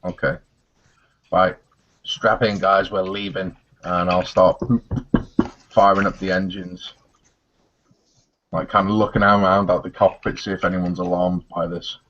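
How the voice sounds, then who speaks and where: A man's voice: low-pitched, little pitch movement, a little slow, long pauses, fairly bright tone. A man playing a pilot character in a tabletop role-play, talking casually and a little hesitantly about what he does. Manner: casual, hesitant, describes his character's actions. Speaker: player. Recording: dull lo-fi group recording.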